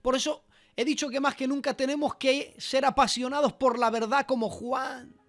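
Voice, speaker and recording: A man's voice: very high-pitched, flat delivery, normal speed, fairly bright tone, faint music behind. A man preaching a sermon, earnest and emphatic, asking his listeners rhetorical questions. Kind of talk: sermon preached over a walkie-talkie app service.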